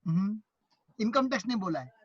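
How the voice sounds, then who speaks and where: A man with an Indian accent teaching an online class, lively and teasing as he quizzes his students. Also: high-pitched, moderate pace, slightly rough, dry recording, highs cut off.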